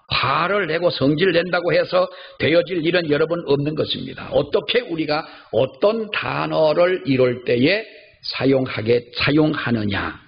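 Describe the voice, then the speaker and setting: An older male pastor delivers a sermon in a gravelly, creaky voice, telling anecdotes and hammering home key phrases by repeating them. The recording sounds slightly dull, with faint noise underneath. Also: medium pitch. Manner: storytelling, emphatic repetition of key phrases. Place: church.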